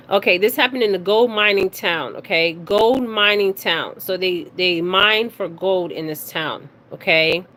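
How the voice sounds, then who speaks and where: Her voice is mid-range with a sharp tone as she hosts a casual spiritual reading in her own video, working as a psychic and card reader and reading out news details. She speaks haltingly, trips over words, and frequently checks in with listeners, over a clearly noisy background.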